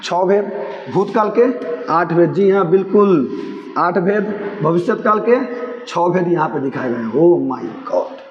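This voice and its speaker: A man's voice: high-pitched, expressive, unhurried, pauses often, slight background noise. A male grammar teacher, explaining tenses playfully and asking himself questions aloud. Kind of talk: grammar lesson for students. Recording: echoey room, dull lo-fi sound.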